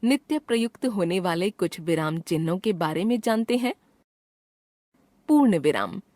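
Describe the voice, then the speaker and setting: A woman reads a scripted grammar lesson in a precise, measured way. Her pitch moves a lot from phrase to phrase, which makes the reading sound lively. The sound is close and dry, with no room around it. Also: no echo. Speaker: grammar teacher narrating a lesson.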